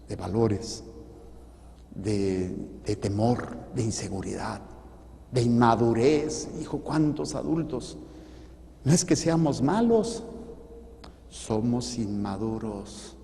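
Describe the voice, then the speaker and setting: Man, priest, Mexican accent, sermon, warm mellow voice, long echoing reverb. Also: medium pitch. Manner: animated preaching with rhetorical questions and acted-out quotes.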